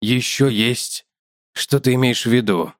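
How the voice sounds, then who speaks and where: A man voicing a frightened man who answers spiders in a quiet, tense voice. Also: mid-range voice, measured pace, no echo, clean studio sound, close to an everyday voice. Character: frightened middle-aged man alone at home.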